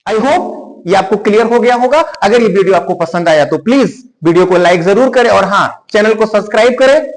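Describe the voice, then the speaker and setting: A man teaching spoken English, explaining each point with repetition and reading English example sentences out very slowly. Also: high voice, animated, low-quality recording.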